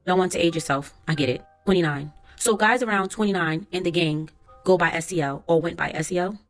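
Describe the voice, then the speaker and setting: A woman's voice: on the low side, fairly quick, faint music behind, natural voice. A woman reading as a methodical trial lawyer. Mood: formal. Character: courtroom lawyer questioning a witness. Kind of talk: transcript read-aloud.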